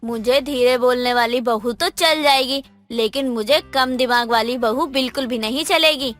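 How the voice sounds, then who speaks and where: A woman voicing an impatient mother-in-law who scolds and nags her daughter-in-law in an animated moral story. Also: high voice, normal speed, soft background music. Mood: scolding. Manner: scolding, nagging.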